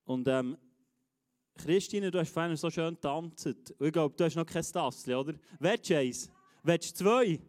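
A man's voice: on the high side, animated, moderate pace, darkish tone. A man with a Swiss German accent preaching an enthusiastic sermon at a church service, speaking emphatically and straight to the congregation. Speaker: pastor.

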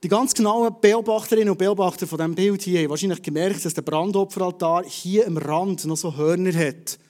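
A man preaching a conversational sermon in a Swiss German accent, swinging between loud bursts and hushed asides. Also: sits high, fairly quick. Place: church service.

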